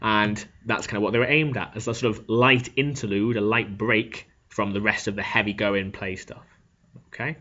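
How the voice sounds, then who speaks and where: Low-voiced male teacher, lo-fi recording. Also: steady tone, moderate pace, sharp tone. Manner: explanatory, checks in with frequent "okay?". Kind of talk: classroom lecture on Shakespeare. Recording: dull lo-fi recording.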